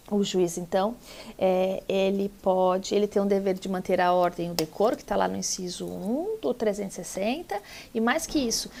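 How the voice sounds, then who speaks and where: A middle-aged woman law lecturer telling a courtroom anecdote in a casual, animated way, acting out the people she quotes. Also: mid-range voice, vocal fry. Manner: animated storytelling, acts out quoted voices.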